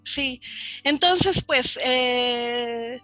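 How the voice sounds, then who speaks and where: High-voiced Mexican woman telling a story. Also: drawn-out words, no echo, faint music behind. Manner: lively, acts out quoted dialogue. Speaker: interview guest. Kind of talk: casual storytelling in an interview.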